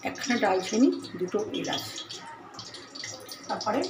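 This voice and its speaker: Woman, home cooking host, chatty step-by-step talk, echoey kitchen, loud clatter and running water behind. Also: mid-range voice, lively intonation, measured pace, background noise. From Bengal. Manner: chatty, talks viewers through each step. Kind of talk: casual cooking demonstration.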